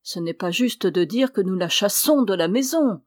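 A woman voicing a proud, controlling elderly mother who speaks in a calm, measured, quietly persuasive way, in a dry recording. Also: mid-range voice, no room sound, natural voice. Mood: coolly persuasive.

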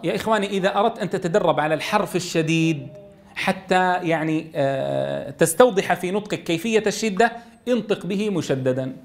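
A man teaches a tajweed lesson in a fairly high voice. He drills each letter sound, stretching and repeating it with firm stress so his students can follow along. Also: fairly quick, gravelly, a little hiss or hum. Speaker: Quran recitation teacher.

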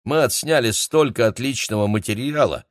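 A man narrating a children's adventure audiobook in a lively storytelling manner. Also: mid-range voice, normal speed, no room sound, studio quality.

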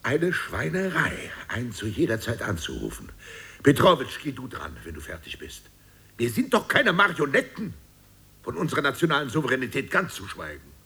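An actor playing an irritable male head of state who gives gruff, impatient orders in a satirical radio play. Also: mid-range voice, big pitch swings, normal speed, bright, forceful tone, heavily acted. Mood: grumpy.

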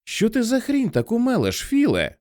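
Baffled, irritated working man, pitched way up, a male narrator playing him. Dry audiobook sound. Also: wildly swooping pitch, moderate pace, darkish tone, no room sound, full character voice. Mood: exasperated. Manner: high, exasperated.

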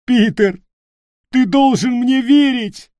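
A man voicing a terrified young male traitor who is crying and pleading in high, wailing shrieks. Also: slow, mellow, slightly rough, no echo. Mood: sobbing panic.

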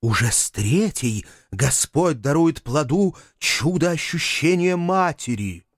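A man voicing a gentle, patient male angel in an audiobook, speaking in a soothing way. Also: fairly high pitch, animated, takes it slowly, dry recording, clean studio sound, pitched above the performer's own voice. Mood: earnest.

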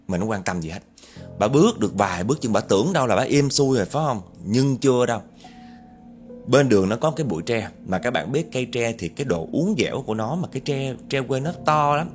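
Lively storyteller man. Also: medium pitch. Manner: lively, dramatic, speaks to listeners directly. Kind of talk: ghost story narration.

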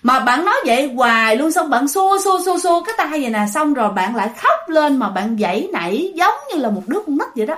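A woman's voice: sits high, sing-song, a little fast, few pauses, a bit bright. A woman narrating a ghost story chattily, speaking straight to her listeners. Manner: chatty, addresses listeners directly.

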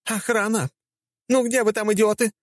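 A man voicing a scornful young female secretary with a shrill, mocking manner. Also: steady tone, moderate pace, dry recording, natural voice.

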